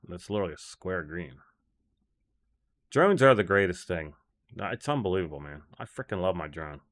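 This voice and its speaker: A man's voice: sits low, expressive, normal speed, fairly bright tone. A man who coaches golf, chatting on a livestream in a blunt, rambling, scornful way. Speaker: golf instructor and livestream host. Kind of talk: casual livestream chat.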